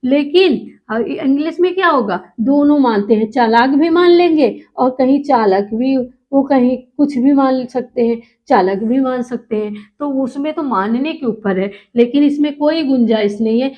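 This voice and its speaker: A woman with a high voice teaches as if to a class of children. She poses questions and answers them herself, and draws out the important words slowly. The recording sounds muffled and lo-fi. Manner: drags out key words for emphasis. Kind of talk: classroom-style lecture.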